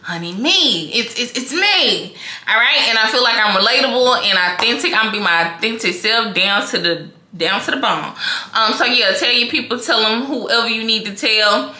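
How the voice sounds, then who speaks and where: Vlogger, young woman, Mississippi accent; very bright, sharp tone; big confident personality; echoey room. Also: fairly high pitch, moderate pace, slight background noise. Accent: Mississippi Southern. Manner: big, animated and confident, talks straight to viewers. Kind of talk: casual talk to camera.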